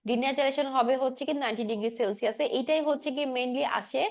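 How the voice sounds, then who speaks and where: A woman's voice: sits high, quick pace. A woman giving an exam-prep biology lecture, drilling key points and often checking that students follow. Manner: drills points with frequent checks, mixing English terms. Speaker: biology teacher.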